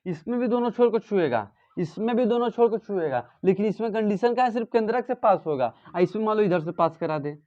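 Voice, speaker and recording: High-pitched guy with a teaching math, keeps quizzing the class, dull lo-fi audio. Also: lively intonation, fairly quick, hardly any pauses. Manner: asks students questions and repeats answers. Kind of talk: classroom lesson. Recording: dull lo-fi sound.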